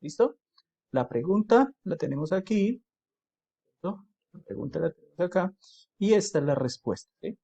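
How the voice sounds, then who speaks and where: Male teacher, slightly high voice, patient step-by-step explainer who slows down for English examples. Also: animated, creaky, dark tone. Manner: explains patiently, with frequent checks like "¿cierto?" and "¿listo?"; slows down and lifts his voice to model English phrases. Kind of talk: video tutorial lesson.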